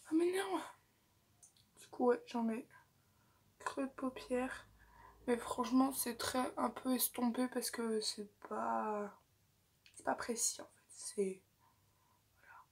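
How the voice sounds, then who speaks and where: A woman's voice: on the high side, slow pace, vocal fry, pauses often, husky. A woman beauty vlogger chatting through a casual makeup tutorial, often half-whispering and drifting into rambling asides, recorded on a phone. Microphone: phone camera.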